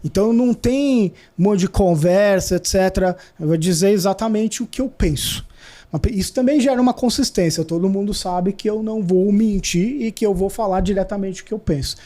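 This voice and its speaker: A man from Brazil, a guest in an interview, answering bluntly in halting speech with many fillers and restarts. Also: high-pitched, mellow. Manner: self-described hyperactive.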